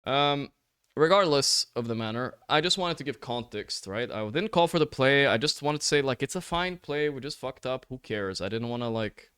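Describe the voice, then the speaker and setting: Male streamer, middle-pitched, frustrated, swears a lot, talks close to a hot mic. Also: expressive, normal speed, fairly bright tone, clear, resonant tone. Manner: frustrated, repeats "like, bro", swears freely. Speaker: streamer reviewing a match recording. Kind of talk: casual chat to stream viewers. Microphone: headset or desk mic, turned up high.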